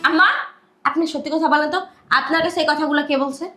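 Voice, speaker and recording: A woman's voice: high-pitched, steady tone, fast, echoey room, loud music behind the voice, close to an everyday voice. An actress playing a defiant daughter-in-law confronting her accuser. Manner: sharp, confronting.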